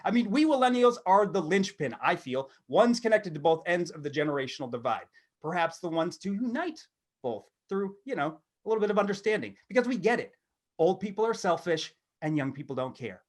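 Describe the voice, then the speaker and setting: This podcast co-host, a middle-aged American man, speaks at a fairly high pitch. His talk wanders animatedly and pokes fun at himself, drifting between stand-up-style monologue and relaxed conversation.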